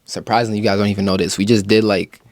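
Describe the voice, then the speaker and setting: Fast and fairly low in pitch, the voice belongs to a Ugandan rapper in his twenties chatting as an interview guest. His manner is chill and slangy, and "you feel me" comes up constantly.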